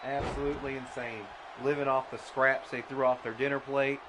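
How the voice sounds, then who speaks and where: A man doing comedic mock wrestling commentary, deadpan and absurd, often stammering into restarts. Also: medium pitch, moderate pace. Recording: noisy background.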